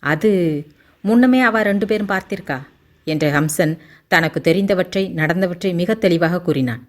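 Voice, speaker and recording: A woman narrating a novel in a steady storytelling manner as an audiobook narrator. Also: deep voice.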